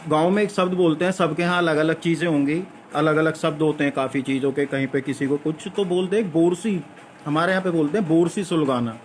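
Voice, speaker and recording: A man's voice: on the high side, slight background noise. A man delivering a lecturing monologue to viewers, asking rhetorical questions and repeating his points for emphasis. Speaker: vlogger addressing viewers. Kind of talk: argumentative spoken monologue.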